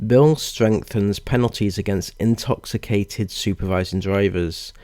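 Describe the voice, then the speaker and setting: A man with a fairly low voice delivers disapproving commentary at a slow pace. He is deliberate in how he sets out his points, and the sound is dry and close. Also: warm tone, no echo. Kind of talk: video commentary with read-out passages.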